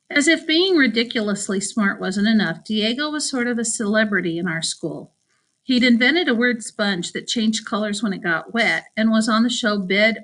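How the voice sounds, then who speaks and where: A woman narrating a first-person audiobook in a wry, self-conscious voice. Her pitch sits in the middle of the usual range for a woman. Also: fairly bright tone.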